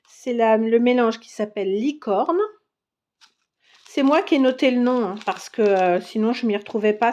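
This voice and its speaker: A woman vlogger chatting casually through a scrapbooking paper haul, with many fillers and pauses as she browses. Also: a little high, a little mellow. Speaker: craft vlogger showing a haul. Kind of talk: casual show-and-tell.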